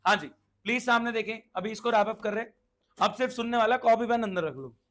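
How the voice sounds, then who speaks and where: A man's voice: sits high, fairly bright tone. A man teaching a commerce class, quizzing and scolding his students as he explains. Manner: brisk, scolding, asks the class questions. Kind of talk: classroom lecture.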